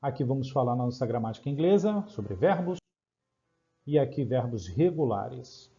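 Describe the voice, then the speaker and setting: A Brazilian man teaching English grammar in Portuguese, explaining rules step by step and checking in with quick questions. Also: mid-range voice, very animated, dark tone, lo-fi sound, soft background music. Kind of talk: grammar lesson over slides.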